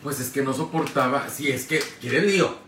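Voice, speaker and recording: A man's voice: mid-range voice, normal speed. A man with a Mexican accent bantering insistently with friends over a meal. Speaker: friend in group vlog. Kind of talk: casual chat. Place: indoors at a shared meal. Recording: echoey room, distant mic, faint noise.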